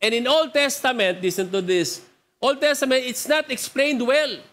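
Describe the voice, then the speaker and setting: A Filipino preacher delivering a sermon in a high male voice. He talks in a loose, conversational way and keeps drawing the listeners in. He mixes in questions for the crowd to answer. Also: unhurried, a bit bright. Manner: conversational, code-switching, asks the crowd to respond. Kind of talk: sermon mixing joke and scripture.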